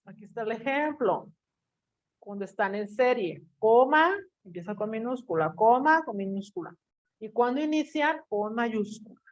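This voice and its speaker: A woman's voice: on the high side, expressive, normal speed, muffled recording. A woman teaching a class, chatty and teasing, often checking in with her students with questions. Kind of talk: online class lecture.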